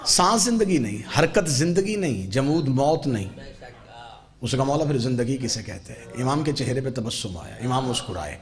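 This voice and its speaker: A man preaching a sermon to a gathered congregation, telling a story and swinging from soft, low narration to loud, fervent exclaiming. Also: sing-song. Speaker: Shia cleric preaching a majlis. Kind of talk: Urdu majlis sermon with storytelling. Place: gathering hall with a live congregation. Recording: crowd audible behind the preacher.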